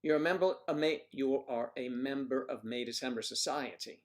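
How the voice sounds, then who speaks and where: An American man hosts a casual livestream, reading viewers' comments aloud and joking with them by name. He rambles chattily in a mid-range voice at a normal speed.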